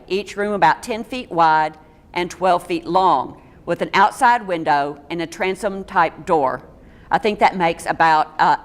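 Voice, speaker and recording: A woman with a drawl reads a local history talk aloud to a roomful of listeners, working through names and dates at an even clip with the odd stumble and a dry aside. Her voice sits a little low. The sound carries a long, echoing reverb from the hall. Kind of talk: public history talk reading from notes. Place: meeting room with a live audience.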